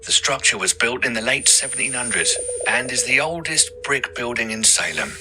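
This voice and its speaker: A man's voice: mid-range voice, lively intonation, normal speed, background noise. A man narrating a scripted audio ghost tour as the guide, with theatrical, ominous storytelling over music.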